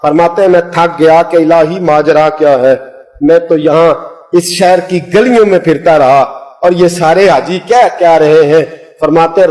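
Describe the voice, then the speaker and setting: Impassioned high-voiced preacher. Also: male voice, a little mellow, low-quality recording. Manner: impassioned, voices rising high when quoting others; breaks into sung Punjabi verse. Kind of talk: devotional story sermon.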